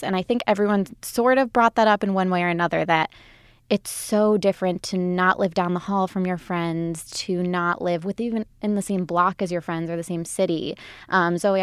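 Young woman, podcast host, chatty, smooth voice, dry close sound. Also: fairly low pitch, fairly even intonation, brisk, no echo. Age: 20s. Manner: chatty, laughs often. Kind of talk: casual podcast discussion.

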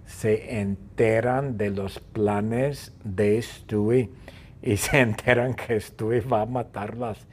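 Un hombre que narra un cuento absurdo de forma juguetona y repetitiva. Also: male voice, lowish voice, takes it slowly, slightly rough. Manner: playful, repetitive, animated. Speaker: storyteller. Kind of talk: playful story narration.

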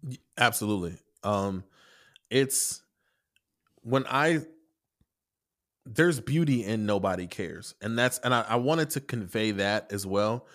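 Man, lowish voice, rambling podcast talk, restarts a lot, swears casually. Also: animated, unhurried, pauses often, a bit bright. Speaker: podcast co-host and article writer.

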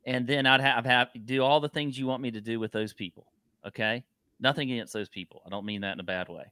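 A male co-host talks casually and conversationally. His voice is bright at a middle pitch, with a dry, close sound. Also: steady tone, fast, smooth, dry recording. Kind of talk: casual chat.

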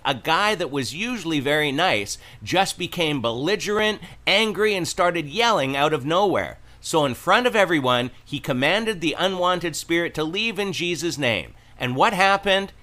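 A man's voice: a little high, big pitch swings, normal speed, few pauses, bright, forceful tone. A man hosting with scripted religious commentary, speaking in an admonishing, declarative way.

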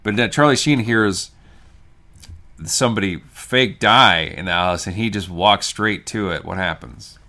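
A man chats through a film recap, rambling and trailing off into asides. His voice sits low but carries a bright, forceful tone. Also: unhurried. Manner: rambling, retells scenes with laughs and trailing asides. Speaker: podcast co-host. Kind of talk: casual movie recap chat.

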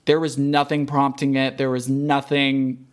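A woman's voice: extremely low pitch, little pitch movement, unhurried. Young woman chatting, full of fillers. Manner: many fillers, swears, laughs often. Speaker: podcast co-host. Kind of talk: casual chat.

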